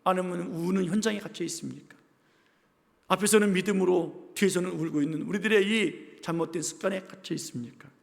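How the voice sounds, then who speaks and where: Gravelly high-voiced pastor in a reverberant church. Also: male voice, fairly quick. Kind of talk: Sunday sermon. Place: church sanctuary. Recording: church hall with long reverb.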